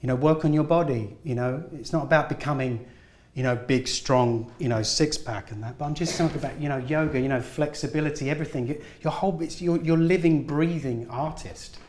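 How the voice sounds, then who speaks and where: A man's voice: fairly high pitch, a little fast, hardly any pauses, a little mellow, slight background noise. Man giving earnest advice, roomy room. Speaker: guest actor. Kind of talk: casual interview talk. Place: film studio at a school event.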